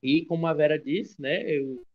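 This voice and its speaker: A man's voice: fairly high pitch, moderate pace. Hesitant man giving an online lecture. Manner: hesitant, many restarts. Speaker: guest lecturer. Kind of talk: online academic talk. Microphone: video call. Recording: dull lo-fi video call audio.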